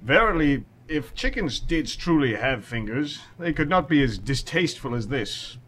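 A man's voice: on the high side, sing-song, normal speed, fairly bright tone. A man playing a lofty, archaic-speaking hero. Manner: archaic, grandiloquent speech. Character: pompous archaic-speaking male superhero from Asgard. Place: restaurant.

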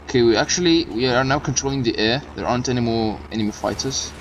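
Slight background noise and poor audio accompany his quick, mid-range voice. As a young gaming host and non-native German speaker, he offers casual, rambling commentary, reading game briefings out loud as he plays.

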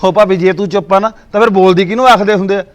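Quick, high-voiced teasing man. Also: fairly even intonation. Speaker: actor in a village drama. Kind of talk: Punjabi village drama acting.

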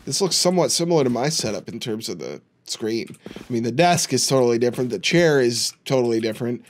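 A man's voice: medium pitch, animated, fast. A man giving casual, jokey commentary while playing a horror game, with dry sarcastic asides. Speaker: video game streamer.

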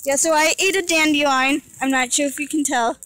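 A young woman chatting excitedly outdoors in an old home video played back, recorded on a camcorder's built-in mic. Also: sits high, brisk, faint music behind, poor audio. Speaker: vlogger. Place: outdoors in a yard.

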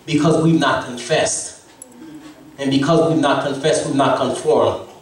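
In a mid-size church sanctuary, a Haitian man in his thirties delivers an exhorting sermon as guest preacher, his emphasis rising as he urges the congregation on. His mid-range voice stays fairly even in intonation and unhurried. Captured by a handheld mic and a far-off camera, the echoey recording carries the congregation's responses.

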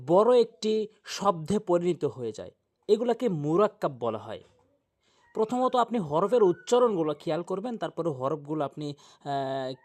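A man's voice: sits high, a little mellow. A man teaching Quran reading step by step. He patiently drills each letter sound, repeating it several times. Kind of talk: step-by-step pronunciation lesson.

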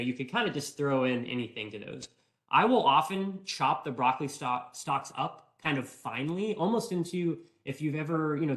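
A man's voice: medium pitch, fairly bright tone. Young man, casual cooking-demo host, friendly and chatty, recorded in a small home kitchen. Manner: friendly, chatty, answers viewer questions. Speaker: cooking demonstrator. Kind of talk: live cooking demonstration. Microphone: fixed camera at medium distance.

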